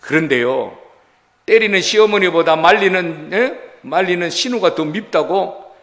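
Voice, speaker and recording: Male pastor, lively Sunday sermon, long church-hall reverb. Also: sits high, unhurried. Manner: animated, acts out quotes, asks congregation rhetorical questions. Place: church sanctuary.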